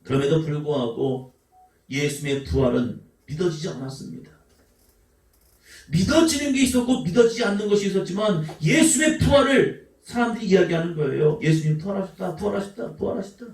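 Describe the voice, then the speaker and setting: Male pastor, high raspy voice, fiery sermon delivery, echoey church from a distance. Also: lively intonation, a little fast. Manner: emphatic preaching, shifts between shouts and soft asides. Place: church sanctuary.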